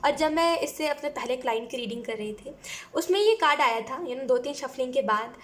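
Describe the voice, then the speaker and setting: A woman's voice: high-pitched, lively intonation, a little fast, fairly bright tone. A young woman giving a chatty tarot reading, talking casually and often asking "है ना" and adding "you know". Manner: chatty, mixes English phrases, repeats "है ना" and "you know". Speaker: tarot reader.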